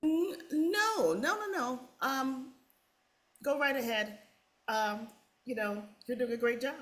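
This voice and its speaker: A woman, the association president, speaking softly and modestly at a meeting. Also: high-pitched, slow pace.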